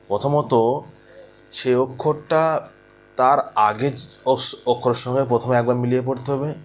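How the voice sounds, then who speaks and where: A man teaching a recorded Quran reading lesson at a board. He patiently repeats each point and slowly draws out the sounds he demonstrates. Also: medium pitch, a little hiss or hum. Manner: slow, drawn-out demonstration of sounds.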